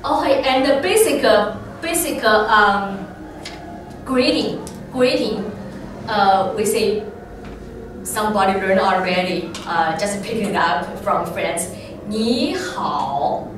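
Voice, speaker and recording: A woman's voice: mid-range voice, noisy background. A woman teaching a class, patiently modeling sounds for students to repeat and laughing often. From China. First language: Chinese. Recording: echoey room, recorded from far off.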